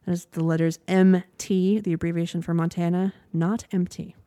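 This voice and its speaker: A woman's voice: on the low side, little pitch movement, normal speed, dark tone, no room sound. A young woman hosting a casual podcast, telling a story in a chatty, rambling way with frequent laughs. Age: young adult. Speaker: podcast host. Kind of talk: casual monologue.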